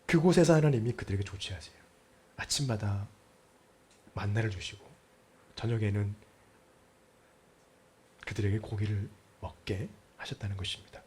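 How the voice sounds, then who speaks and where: A middle-aged man preaching a sermon as pastor, telling Bible stories in a lively way, acting out the quoted lines and dropping now and then to a near-whisper. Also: lowish voice, moderate pace, long pauses, breathy edge.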